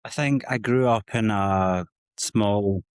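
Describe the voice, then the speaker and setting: A man's voice: on the low side, slow, smooth, dry recording. A Scottish man from the west coast, a psychotherapist speaking openly and reflectively about his own past as a guest on an interview podcast. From Scotland. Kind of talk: candid personal interview.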